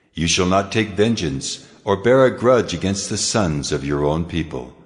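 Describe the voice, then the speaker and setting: Here a booming male voice gives the stern, solemn Lord God slow and weighty proclamations for a dramatized scripture reading. The recording carries long hall reverb over music.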